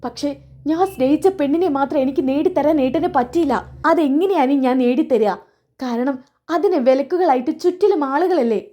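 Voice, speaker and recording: A woman's voice: high-pitched, a little fast, dark tone, close to an everyday voice. A woman voicing a bitter, defiant young man in a retold serial, in her own plain voice. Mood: resentful.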